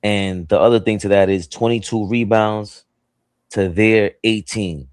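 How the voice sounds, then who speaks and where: A man's voice: lowish voice, unhurried, smooth, no echo. Man, sports talk host, casual, teasing, dry close mic. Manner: animated, teasing, rising when excited.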